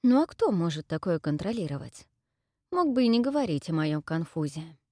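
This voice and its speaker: A woman narrating a first-person story in an audiobook, with lively, wry storytelling. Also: fairly low pitch, moderate pace, no echo, studio quality.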